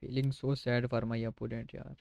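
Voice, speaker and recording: Slow, gravelly Pakistani man streaming games. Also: medium pitch, little pitch movement, a little mellow, no room sound. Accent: Pakistani Urdu. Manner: casual, chatty, mixes in English phrases. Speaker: game streamer. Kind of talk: live gameplay commentary.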